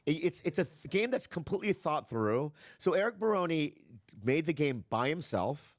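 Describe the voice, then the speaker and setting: A man's voice: on the high side, normal speed, no room sound. Podcast host, man, hyped and foul-mouthed, dry close sound. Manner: excitable, swears a lot, calls people dude. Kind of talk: casual podcast interview.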